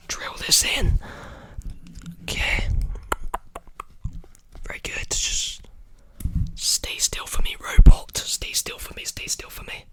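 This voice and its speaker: Playing a robot repair technician in an ASMR roleplay, a man in his early twenties whispers softly and breathily, soothing the listener with short repeated phrases. He's in a small indoor room, speaking very close to a desktop condenser mic.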